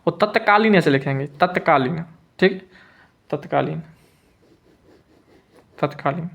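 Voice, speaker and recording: Male teacher, slightly high-pitched, patient, slowly repeats words, muffled lo-fi recording. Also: vocal fry, fairly bright tone. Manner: repeats each word slowly, stretching syllables; checks in often with the listener. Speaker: Hindi spelling teacher. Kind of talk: slow spelling lesson.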